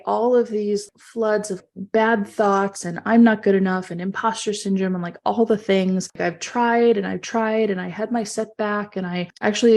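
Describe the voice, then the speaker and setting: A woman's voice: medium pitch, darkish tone. A woman speaking as an online entrepreneur and coach in an earnest, emphatic motivational monologue, repeating phrases for stress. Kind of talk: personal monologue with motivational talk.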